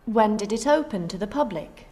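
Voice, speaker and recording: A woman's voice: mid-range voice, lively intonation, normal speed, mellow, close to an everyday voice. An actress playing a polite female tourist in a scripted dialogue.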